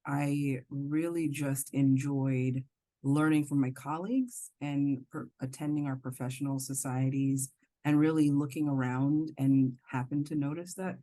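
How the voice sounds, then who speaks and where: A middle-aged woman from the Bahamas speaks as a professor on a podcast. Her voice is dark and mellow, her delivery earnest and measured, with many ums and so's as she gathers her thoughts. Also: deep voice. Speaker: anatomy professor, guest. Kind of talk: podcast interview.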